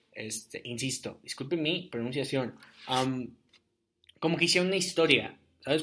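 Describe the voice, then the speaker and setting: A young man talks alone into his podcast mic. He rambles in a loose, chatty way and fills his talk with fillers. His voice sits at an ordinary middle pitch. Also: fairly bright tone. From Jalisco, Mexico. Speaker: podcast host. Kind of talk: casual solo podcast monologue.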